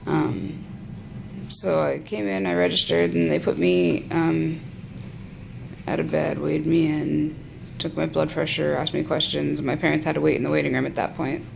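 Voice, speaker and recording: Gravelly, halting woman in a casual vlog. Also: sits low. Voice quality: gravelly, creaky. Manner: halting, rambling. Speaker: patient vlogging after surgery. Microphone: phone. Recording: noisy phone recording.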